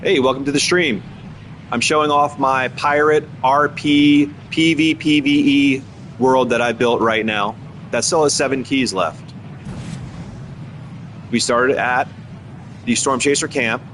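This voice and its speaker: Man, streamer, casual commentary, relaxed explaining, mid pitch. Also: unhurried, long pauses, a little hiss or hum. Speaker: game streamer and server host.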